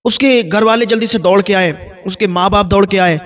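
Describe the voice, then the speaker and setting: A man's voice: high voice, fairly even intonation, fairly bright tone. A man preaching an Islamic sermon, telling a story in an earnest, repetitive way. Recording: dull lo-fi recording.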